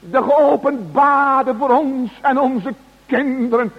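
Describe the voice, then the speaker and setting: A man preaching a sermon to his congregation, slow and solemn, with emphatic cries. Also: very high-pitched, breathy edge. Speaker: pastor. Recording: dull radio broadcast in a large hall.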